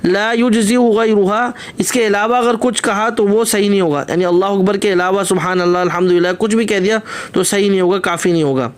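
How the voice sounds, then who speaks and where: A man's voice: sits high, steady tone. A man teaching a religious text, reading a phrase and then explaining it line by line. He repeats points and asks himself questions before answering them. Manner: repeats and rephrases points for emphasis. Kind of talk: classroom text lesson.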